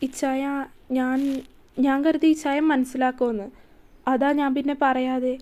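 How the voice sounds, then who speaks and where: A woman's voice: high voice, flat delivery, darkish tone, clear, resonant tone. A woman reading as a tearful, stammering young wife. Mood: hushed. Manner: halting, stammering, sobbing.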